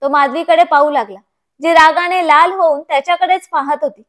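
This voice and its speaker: A woman narrating a scripted moral tale in a steady storytelling manner. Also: sits high, a little fast.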